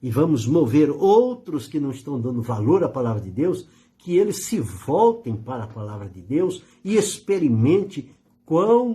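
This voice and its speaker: A male pastor delivers a sermon, his pitch climbing and falling in wide, animated sweeps. His voice is dark and mellow, and he preaches with earnest emphasis and slow pauses for effect.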